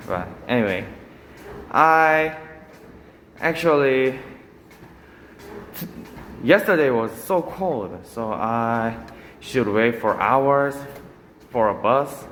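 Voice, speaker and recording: A man from Busan with a Korean accent chats casually for a vlog while working out on a treadmill. His English comes very slowly and haltingly, with hesitant gaps between short phrases. The sound has long reverb and a faint layer of background noise. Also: mid-range voice, a bit bright. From Busan, South Korea. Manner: talking while exercising on a treadmill. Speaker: vlogger.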